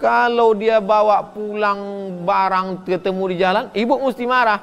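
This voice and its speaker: A middle-aged man, a preacher answering listeners' questions in a humorous, animated sermon. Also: sits high, moderate pace, vocal fry, clean tone. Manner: humorous, animated, acts out quoted voices; reads listeners' questions aloud, then answers.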